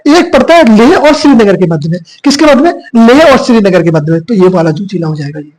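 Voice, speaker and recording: A hoarse man, a little husky from a cough, teaches a geography lesson at a whiteboard. He repeats each point and keeps quizzing his students as he goes. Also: high voice, big pitch swings, fast talker, a little mellow, rough recording. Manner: repetitive, quizzing students with filler 'bhaiya'. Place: classroom with whiteboard.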